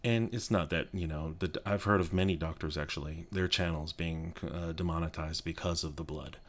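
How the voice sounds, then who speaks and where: Soft-spoken deep-voiced man in his thirties. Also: fairly even intonation. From Colorado, USA. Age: 30s. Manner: rambling, halting, many restarts and fillers; speaking quietly so as not to wake a child. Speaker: YouTube creator. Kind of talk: soft-spoken ASMR chat. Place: home office.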